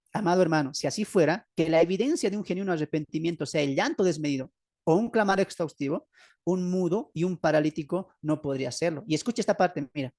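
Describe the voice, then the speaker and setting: Over a video call, a man with a Bolivian Spanish accent teaches an online Bible study, asking his listeners questions, answering them himself, and repeating key phrases for emphasis. His voice is fairly high-pitched with a darkish tone, recorded in clean studio sound with no room sound.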